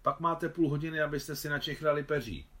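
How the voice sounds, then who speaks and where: A man reading the part of a fatherly older army officer who is a keen photographer, in a hearty, brisk manner. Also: on the high side, fairly bright tone, pitched above the performer's own voice, close to an everyday voice. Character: older male officer, kindly veteran photographer.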